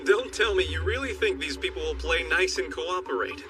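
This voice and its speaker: A man's voice: on the high side, lively intonation, moderate pace, far from the mic, background noise, lightly acted. An actor voicing a guarded, skeptical young man in an anime dub. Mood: wary. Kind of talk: anime English dub acting.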